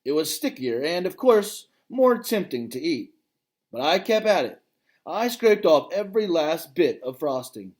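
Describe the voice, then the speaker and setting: A man reads a children's novel aloud in the voice of its narrator, a gentle, thoughtful male gorilla. His voice sits on the high side, and he speaks at a measured pace, calm and reflective, with a wistful mood.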